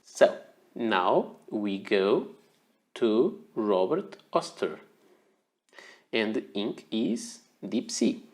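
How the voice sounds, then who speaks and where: A man whose first language is Portuguese, speaking with a Portuguese accent, talks through an ink demonstration in a casual, unhurried way, often repeating words while he works. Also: on the low side, big pitch swings, a little mellow. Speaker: fountain pen ink reviewer.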